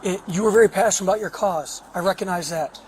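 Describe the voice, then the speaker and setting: A hoarse man working as a police officer, firm and patient, repeating himself to be heard. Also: high-pitched, fast talker, slight background noise.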